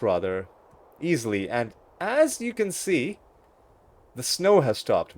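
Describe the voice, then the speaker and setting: A man hosting a let's play, talking through a game casually with wry, rambling asides and frequent self-corrections. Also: a little high. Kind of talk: casual gameplay commentary.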